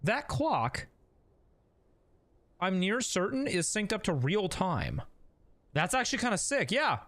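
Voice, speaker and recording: A man's voice: high-pitched, big pitch swings, takes it slowly, fairly bright tone. A man hosting a casual live game stream, rambling and laughing with lots of fillers and restarts. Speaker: streamer and host.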